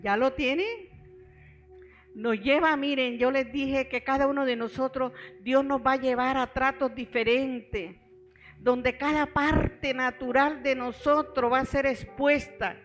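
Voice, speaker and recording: A woman's voice: high voice, fairly even intonation, measured pace, muffled recording, faint music behind. A middle-aged woman pastor preaching a sermon, telling her own story and calling her listeners beloved brothers.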